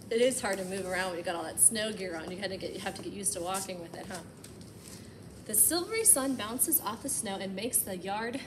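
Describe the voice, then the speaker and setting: There's noise behind this woman as she reads a picture book aloud in a mid-range voice. As a storytime host, she performs it with animated expression and chats to the young children along the way.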